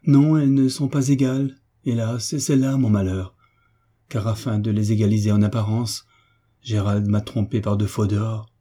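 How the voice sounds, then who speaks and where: A man's voice: fairly low pitch, fairly even intonation, moderate pace, mellow, close to an everyday voice. A man voicing a proud, grieving young orphan woman in an audiobook, pleading through tears. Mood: despairing. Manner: sorrowful, tearful pleading. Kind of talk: audiobook reading.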